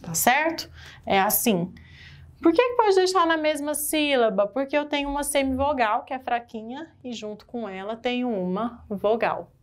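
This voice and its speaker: Lively Brazilian woman teaching grammar. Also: high-pitched, normal speed. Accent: Brazilian Portuguese. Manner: lively, asks the class questions. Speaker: Portuguese-language teacher. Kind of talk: exam-prep grammar lesson.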